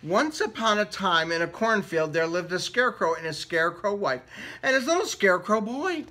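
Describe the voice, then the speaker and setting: Reading a storybook to children, this man pitches his voice high and keeps it expressive at a normal speed. His tone is sharp, and he draws out and repeats words for dramatic effect.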